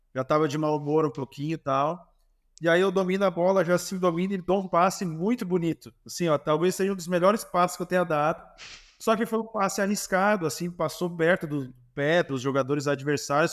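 A Brazilian man in his forties speaks with a Brazilian Portuguese accent and a somewhat high voice. He answers interview questions by telling stories and acting out the dialogue in a lively way. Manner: animated, lively storytelling with acted dialogue. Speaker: former goalkeeper, guest.

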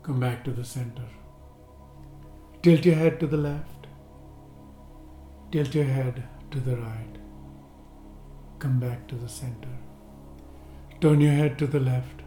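A man leads a seated meditation in a slow, gentle, unhurried way, leaving long pauses between instructions. His voice is mellow and dark at a middle pitch. The room gives a roomy echo, with soft music faint underneath. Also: fairly even intonation. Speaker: meditation guide. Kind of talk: guided relaxation instruction.

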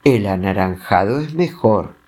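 A man's voice: lowish voice, lively intonation, a little slow, darkish tone. A man voicing a vain, hot-tempered lion who boasts and roars in a storybook reading. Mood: dismissive. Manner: boastful, roaring. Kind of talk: storybook voice acting.

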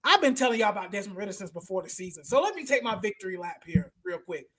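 A man's voice: sits high, very animated, fast talker, bright, forceful tone, breathy edge. A man hosting a casual sports talk show, blunt and opinionated, who often says "bro" and "y'all". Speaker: podcast host.

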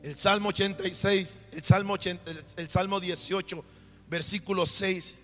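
Male preacher, high voice, fervent cadenced sermon, reverberant hall, music bed. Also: steady tone, moderate pace, fairly bright tone. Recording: long reverb with music underneath.

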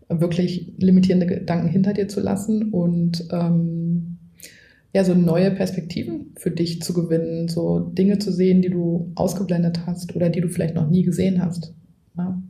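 A woman's voice: fairly low pitch, gravelly, mellow, echoey room. A woman coach, a guest in a podcast interview, who explains at length and often adds a tag question. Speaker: coach and trainer.

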